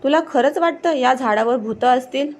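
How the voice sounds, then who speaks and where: A woman's voice: sits high, moderate pace, a little mellow, natural voice. A woman voicing a nervous young male college student in a storybook reading, speaking in an uneasy, questioning way.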